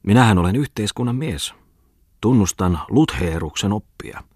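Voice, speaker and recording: Guy doing a smug touchy gentleman, husky deep voice. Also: animated, no echo, studio quality. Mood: defensive. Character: self-satisfied respectable man, touchy.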